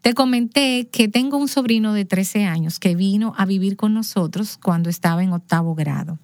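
Animated woman storyteller, dry close sound. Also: mid-range voice, moderate pace, dry recording. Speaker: interview guest. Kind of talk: personal storytelling in conversation.

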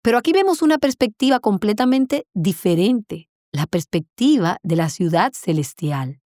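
A woman's voice: mid-range voice, sing-song, mellow, dry recording. Earnest woman preaching, close and dry. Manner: earnest, measured and emphatic, slowing for solemn passages. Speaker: Bible teacher. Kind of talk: scripture reading with sermon commentary.

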